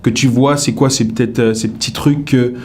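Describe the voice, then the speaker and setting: This interview guest is a young comedian from France whose accent comes from the Paris suburbs with a hint of Québec. He talks in a mid-range voice at a moderate pace, loose and meandering, leaning heavily on fillers.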